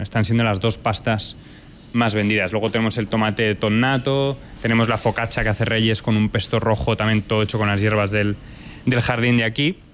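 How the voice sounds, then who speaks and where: A man's voice: fairly low pitch, fairly bright tone, slight background noise. A young Spanish man, a chef and restaurant owner, answering interview questions thoughtfully with many fillers and restarts. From Spain.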